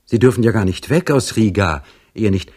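A man's voice: on the low side, animated, normal speed, a little mellow, breathy edge. A man voicing an indignant young female cook in a storybook reading, speaking in a scolding way. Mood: coaxing.

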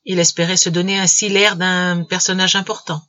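A woman narrating a classic tale aloud in an expressive storytelling manner. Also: on the low side, moderate pace, highs cut off. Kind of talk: audiobook narration.

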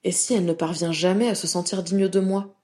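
A woman's voice: lowish voice, steady tone, brisk, a little mellow, close to an everyday voice. A woman voicing a sincere, worried young male wizard who speaks in a reassuring way.

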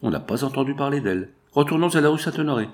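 A man voicing a brisk, complaining young workshop girl. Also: mid-range voice, lively intonation, pitched above the performer's own voice, lightly acted.

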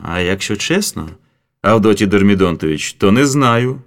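A man doing a calm, sly detective. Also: lowish voice, normal speed. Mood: guarded.

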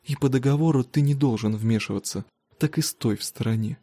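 A man reading an audiobook, voicing a young bride who speaks quietly and firmly to her husband. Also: medium pitch, a little fast, no room sound, natural voice. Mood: cold. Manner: quiet, restrained. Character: young bride, hurt but cold and firm.

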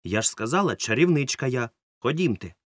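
A man's voice: mid-range voice, lively intonation, fairly quick, dry recording, studio quality, pitched above the performer's own voice, close to an everyday voice. A man voicing a stern, suspicious middle-aged woman yard-sweeper who is secretly a witch, in an audiobook. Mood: cross bossy. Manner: stern, scolding, sharp. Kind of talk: audiobook character voice.

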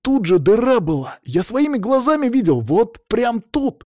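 A man reading an audiobook voices an excitable, easily startled young male student who exclaims in amazement. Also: medium pitch, moderate pace, no room sound, studio quality, lightly acted. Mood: amazed. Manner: wide-eyed, exclaiming.

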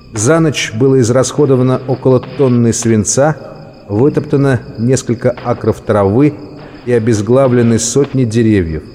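A man reading a story aloud as an audiobook narrator, measured and expressive. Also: mid-range voice. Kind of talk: scripted narration. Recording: long reverb with music and crickets.

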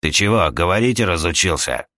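A gruff prospector, as a male reader puts him on, speaks in a very deep voice with a bright, forceful edge. He keeps his replies short and blunt. The recording is dry and close. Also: lively intonation, normal speed, no room sound. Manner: terse and blunt. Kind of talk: audiobook character voice.

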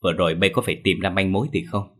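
A stern, weary old exorcist , as a male storyteller puts him on, speaks in gruff, commanding tones. The voice sits very low and sounds husky. He comes across as a master used to giving orders. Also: steady tone, very fast, fairly bright tone.

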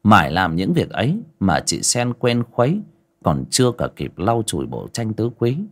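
A man narrating a folk story in a vivid, expressive way. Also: lowish voice, normal speed.

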